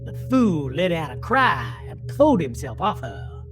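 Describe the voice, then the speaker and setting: A woman with a very deep voice reads dramatic horror narration unhurriedly, in a theatrical style with big pitch swings between hushed lows and higher peaks. A music bed plays clearly beneath her narration.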